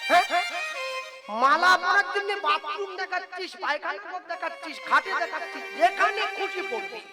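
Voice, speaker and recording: A man's voice: extremely high pitch, normal speed. Man, kirtan sermon, stage mic, acted dialogue, rhetorical questions. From West Bengal. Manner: folksy storytelling, acts out dialogue, rhetorical questions. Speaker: kirtan singer and preacher. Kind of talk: kirtan sermon to a live audience. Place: evening religious gathering on stage. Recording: loud instrumental music behind. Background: musical instruments.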